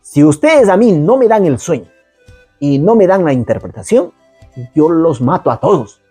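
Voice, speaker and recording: A man's voice: fairly high pitch, sing-song, normal speed, warm tone, slightly rough, no room sound, soft background music. Preacher acting out a wrathful ancient king. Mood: demanding. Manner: threatening, commanding. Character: ancient king, male, middle-aged, demanding and wrathful.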